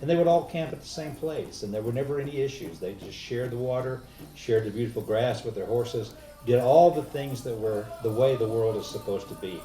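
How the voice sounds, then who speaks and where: Mellow man hosting a powwow, echoey. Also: medium pitch, a little fast. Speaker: host of a virtual powwow. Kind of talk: informal welcome and unscripted talk to viewers. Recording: echoey, distant mic, faint noise.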